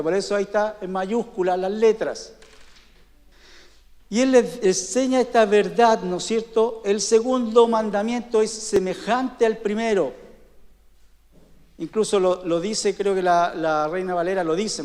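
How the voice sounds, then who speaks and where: A man preaching a sermon in a high voice. He talks in a conversational way, regularly asking his listeners to confirm they are following. The recording carries the long reverb of a church hall. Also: a little slow, a little mellow. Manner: conversational preaching with frequent "¿sí?" and "¿no es cierto?" checks. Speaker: pastor.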